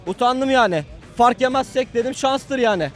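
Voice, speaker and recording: A man's voice: very high voice, animated, faint music behind. A man, a football fan, pressing his complaints in a heated street interview outdoors. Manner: pressing, rapid-fire complaints.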